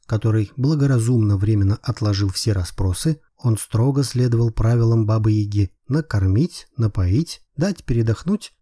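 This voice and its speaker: A man narrating an audiobook in an even, unhurried storytelling manner. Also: mid-range voice, dry recording, clean studio sound. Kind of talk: scripted narration.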